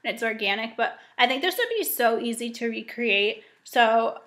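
Young woman, casual vlogger, slightly high voice, upbeat and chatty, webcam at home. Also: expressive, moderate pace, a bit bright. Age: young adult. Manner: chatty, upbeat, frequent ums and likes. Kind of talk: casual grocery haul vlog. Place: home dining room indoors.

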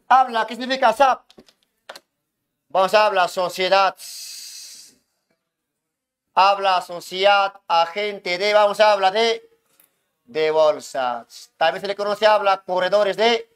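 A man lecturing a classroom as economics teacher, hushing students and repeating himself to make points stick. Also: high voice, smooth. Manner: keeps hushing and calling on students, repetitive.

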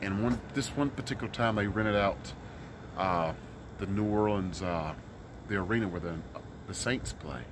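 A man's voice: fairly low pitch, moderate pace. A middle-aged man from Mississippi, a street musician talking earnestly with many fillers in a casual outdoor interview. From Mississippi, US South. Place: outdoors in a city park by a street. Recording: outdoor street noise behind.

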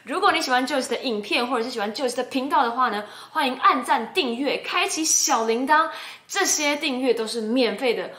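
A woman's voice: high-pitched, fairly quick, bright, forceful tone. A woman from Taiwan with a Taiwanese Mandarin accent, talking casually and emphatically to camera as a YouTuber and English host. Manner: emphatic, chatty, encouraging. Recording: roomy echo.

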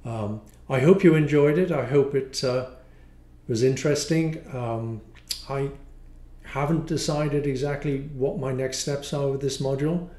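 An older man who designed a module presents a semi-improvised, explanatory product demo from a small home studio. His medium-pitched voice is dark and unhurried, and the indoor room sounds roomy and echoey.

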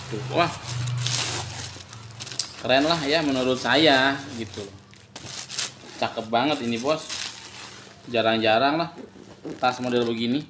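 A young man giving an informal, repetitive and emphatic sales pitch, drawing out key words as he sells. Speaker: online bag seller. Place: large tiled living room, indoors. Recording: echoey room, some background noise.

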